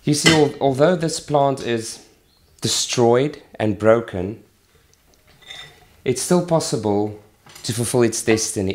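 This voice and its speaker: A man's voice: medium pitch, a little mellow. Earnest man making a charity appeal. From Malawi. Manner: earnest, measured, with pauses and restarts. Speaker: charity worker. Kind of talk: charity appeal with a plant demonstration.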